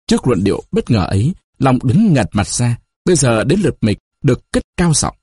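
Male narrator, husky, lively pitch, dry close sound, dramatic novel reading. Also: moderate pace, no room sound. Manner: expressive, dramatic storytelling.

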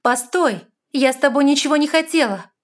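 A woman voicing a young, defiant red-haired fairy woman who cries out loud and shrill. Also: expressive, brisk. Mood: shrill panic.

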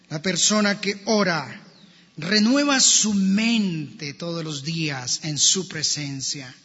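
High, bright-voiced pastor preaching. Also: male voice, vocal fry, slightly rough. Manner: emphatic, addresses the congregation directly. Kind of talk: preaching a sermon. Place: church. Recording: long church reverb, dull lo-fi sound.

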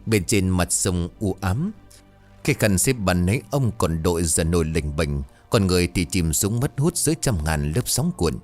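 A man reading a scripted horror story as narrator, expressive and voicing many characters. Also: sits low, moderate pace, soft background music.

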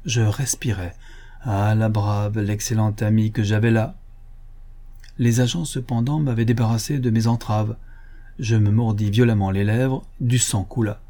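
Male audiobook reader, first-person narration, husky, dark mellow tone, steady and expressive. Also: on the low side, unhurried.

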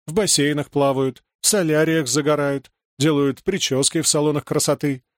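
A man voicing an overworked village mother who complains bitterly and shouts in panic at her children. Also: steady tone, normal speed, dry recording, clean studio sound, close to an everyday voice. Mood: grumbling self-pity. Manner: shrill, self-pitying, shouting. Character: harried overworked village mother, shrill and frantic.

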